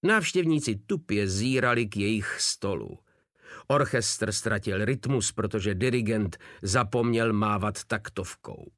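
A man narrating an audiobook in a vivid, lively storytelling style. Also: on the low side, dry recording, clean studio sound.

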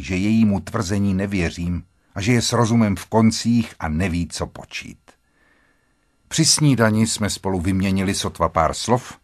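A man narrating a classic story in the first person with a dramatic, expressive reading. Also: fairly low pitch, breathy edge, no room sound, studio quality. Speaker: audiobook narrator.

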